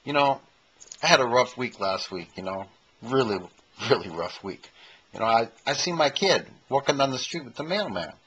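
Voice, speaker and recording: Husky man in his fifties joking. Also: mid-range voice, lively intonation, normal speed, a bit bright, poor audio. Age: 50s. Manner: rambling and self-mocking, repeats himself. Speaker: amateur comedian and impersonator. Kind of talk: stand-up comedy monologue to camera. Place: his own room, indoors. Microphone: handheld camcorder mic.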